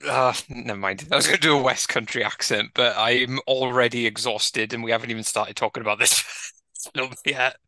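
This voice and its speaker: Bright, dry-sounding joking man. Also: mid-range voice, fairly even intonation, moderate pace, no room sound. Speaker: podcast co-host. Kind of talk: casual chat.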